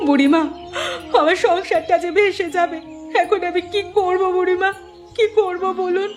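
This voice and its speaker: A distraught young village wife, played by a woman in a cartoon, tearful and pleading in a very high voice. Music plays clearly behind her. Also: steady tone, brisk. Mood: distressed.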